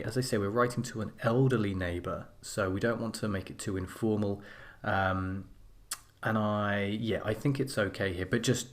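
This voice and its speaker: A man with a lowish voice explaining an English lesson. He talks it through step by step, at a measured pace. He sounds like he is at a desk with a mic. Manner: explains step by step while writing on screen. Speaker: English teacher.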